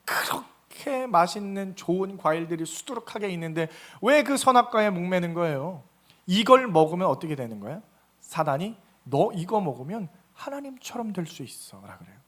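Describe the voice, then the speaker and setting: A man's voice: high voice, sing-song, moderate pace, fairly bright tone. A male pastor giving a Sunday sermon, preaching with animation and acting out quoted voices.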